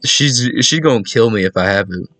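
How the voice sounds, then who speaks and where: A man with a fairly low, slightly bright voice hosts a gaming video, giving animated, casual let's play commentary at normal speed. He reacts aloud to a visual novel, repeats himself, and tosses in teasing asides. His voice is dry, with game music playing behind it.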